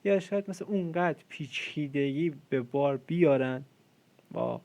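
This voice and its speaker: A man's voice: a little high, a little mellow. A man in his twenties giving a casual coding lesson, chatty and self-deprecating, with lots of fillers. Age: 20s. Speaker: programming tutor.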